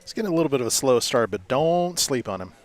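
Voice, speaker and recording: Mid-pitched male sports co-commentator. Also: big pitch swings, quick pace.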